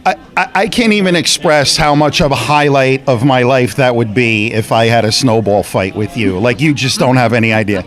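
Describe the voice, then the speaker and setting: A man's voice: medium pitch, moderate pace, hardly any pauses, a bit bright. A middle-aged man hosting an interview, eager and fan-like, often stammering on restarts. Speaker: host, interviewer. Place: convention hall.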